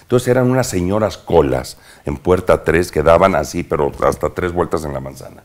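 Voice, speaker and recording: Here a man from Veracruz, Mexico, an actor with a Mexican accent and a very deep, low voice, chats as an interview guest in a laid-back setting. He moves fairly quickly through spirited stories of his past, using slang and punchy sound words along the way.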